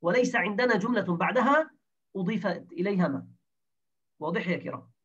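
Husky guy teaching a class, keeps asking students questions, sounds far off and kinda muffled. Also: high voice, a bit bright. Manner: explains patiently, quizzes students with questions. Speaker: grammar teacher. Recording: distant dull lo-fi recording.

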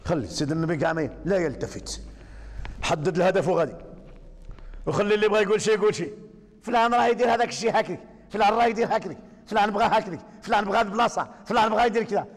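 A man with a Moroccan Arabic accent preaching a sermon, swinging between hushed and shouted passages. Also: high-pitched, very fast, in a large hall.

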